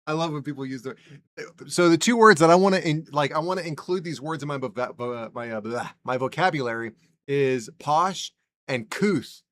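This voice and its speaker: A man casually streaming a video game, reacting with excited exclamations and rambling asides. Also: on the high side, fairly quick, no room sound. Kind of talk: casual live gameplay stream.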